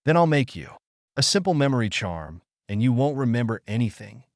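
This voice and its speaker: A man voicing a secretive young male wizard in a read-aloud story, speaking calmly with a harsh, knowing edge. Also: mid-range voice, brisk, dry recording, studio quality. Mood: threatening. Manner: calm, cutting, knowing. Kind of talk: audiobook character voice.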